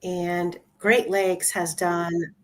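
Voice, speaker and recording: A woman on a video call who shares her screen and calls out photos one by one, methodical and steady. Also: fairly low pitch, drawn-out words. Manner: methodical, talks through images one by one. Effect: voice heard over a video call. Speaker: host presenting trial photos by screen share. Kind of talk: casual online discussion. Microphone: computer mic on a video call.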